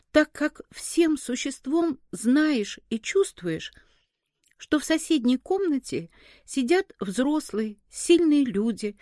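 A woman reading a literary story aloud in a slow, measured, melancholy way. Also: sits high, a little mellow, dry recording, clean studio sound. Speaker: reader.

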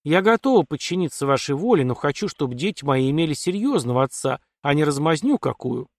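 A man voicing a headstrong, sharp-tongued young noblewoman in a storybook reading, answering with stubborn, quick-witted retorts. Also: fairly high pitch, sing-song, no room sound, studio quality. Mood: pleading.

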